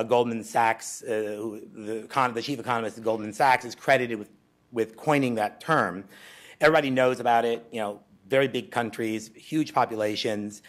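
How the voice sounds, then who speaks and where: A man's voice: mid-range voice, a bit bright. A Greek man in his forties giving a conversational conference presentation, with frequent ums and restarts. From Greece. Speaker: conference speaker. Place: lecture hall at a symposium.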